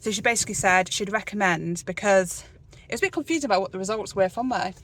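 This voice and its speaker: A chatty woman talking straight into her phone as she vlogs her day, laughing often between thoughts. Her voice sits at an ordinary middle pitch, with a faint hiss of noise behind it. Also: fast talker, a bit bright. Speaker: vlogger. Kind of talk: casual vlog to phone camera. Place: hospital corridors, then a car. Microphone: handheld phone.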